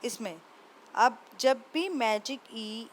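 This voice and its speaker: A woman teaching a phonics lesson for children, patiently explaining step by step and slowly sounding out each word. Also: fairly high pitch, slight background noise.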